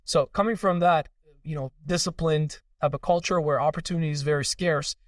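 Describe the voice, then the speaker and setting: Fast-talking man, slightly distant mic. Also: on the high side, fairly even intonation, no room sound, studio quality. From Iran. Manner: fast, earnest storytelling with many fillers. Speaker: podcast guest. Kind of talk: casual interview conversation.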